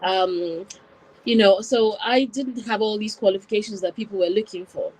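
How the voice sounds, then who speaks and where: As an interview guest, this woman walks through her life story step by step in a reflective way: born in Wales, she grew up in Nigeria from around nine. She speaks at normal speed with a medium pitch and darkish tone, on a rough recording.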